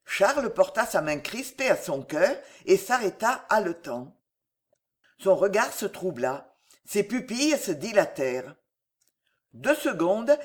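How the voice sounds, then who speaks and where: A woman narrating a historical novel as an audiobook, in an expressive, dramatic way. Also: medium pitch.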